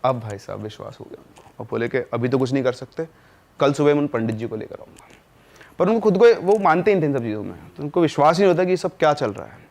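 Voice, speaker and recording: A man's voice: mid-range voice, lively intonation, fast talker, gravelly, darkish tone. A man narrating a spooky story in a conversational podcast style, with dramatic asides to the listener. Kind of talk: casual spoken horror storytelling.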